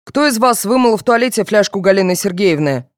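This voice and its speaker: A woman's voice: medium pitch, expressive, fairly quick, no echo, clean studio sound, voice pushed up, close to an everyday voice. A woman reading the lines of a stern middle-aged male police officer in an audiobook, curt and commanding. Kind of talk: audiobook character voice.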